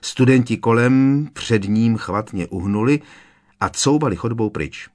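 A man narrating a children's fantasy audiobook in an expressive storytelling manner, switching voices for the characters. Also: medium pitch. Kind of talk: scripted narration.

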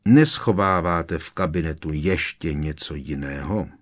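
A grizzled old hunter of dark wizards growls his words slowly, with a quiet threat under them, as a male narrator puts him on. The voice is deep and rough, a storybook bruiser. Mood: menacing. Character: gruff, grizzled older male monster hunter. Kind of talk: audiobook character voice.

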